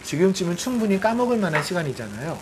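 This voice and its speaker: A man preaching a sermon as a missionary, in a lively conversational way, acting out quotes and firing rhetorical questions. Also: sits high, fast talker, background noise.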